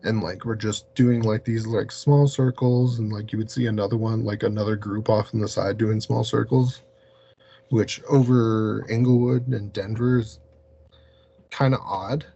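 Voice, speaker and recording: This interview guest tells casual, rambling anecdotes and says "like" very often. His lowish voice is gravelly and warm, with fairly even intonation and a normal speaking speed. The audio is muffled and lo-fi, with hum and hiss.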